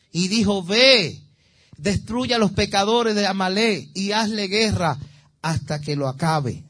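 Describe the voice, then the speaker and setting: High-voiced impassioned preacher man. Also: slightly rough. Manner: impassioned, swings from quiet asides to shouted exhortation; calls on the congregation with repeated praise phrases. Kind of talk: sermon.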